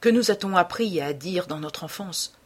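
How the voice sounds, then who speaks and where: A woman's voice: on the low side, moderate pace, slightly rough. A woman reading an audiobook voices a distraught middle-aged male painter, speaking in an anguished, emphatic way. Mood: pleading.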